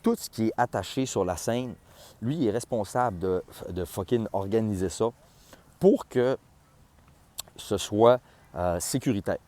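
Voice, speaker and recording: Excitable low-voiced Quebec French man. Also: a little slow, long pauses. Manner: excitable, swearing, sound effects, code-switching. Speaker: festival logistics director. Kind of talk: animated storytelling vlog.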